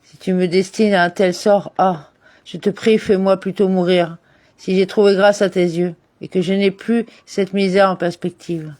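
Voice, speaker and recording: A man with a fairly high voice reads a study text aloud in a steady lesson style. He stumbles now and then and corrects himself. The sound is dry and close, with no room around it. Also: moderate pace, no room sound. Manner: reads steadily, with occasional restarts and self-corrections. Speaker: Torah study reader. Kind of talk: reading a commentary text aloud.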